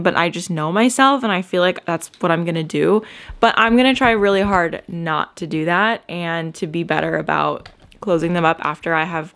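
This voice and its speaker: A young adult woman chatting casually as she vlogs about organizing her home, rambling with lots of filler words. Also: lowish voice. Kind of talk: casual chat. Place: at home, indoors.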